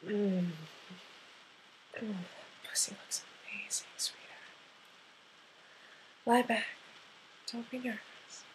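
A woman in an intimate audio roleplay addressed to the listener, talking in a soft, half-whispered voice that coaxes and gently commands. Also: medium pitch, steady tone, slow, long pauses, low-quality recording.

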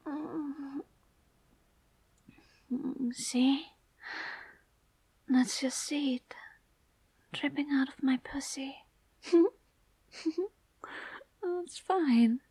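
A young woman speaking in an intimate audio roleplay, breathy and soft, often sinking to a whisper close to the mic. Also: sits high, drawn-out words, long pauses, no echo.

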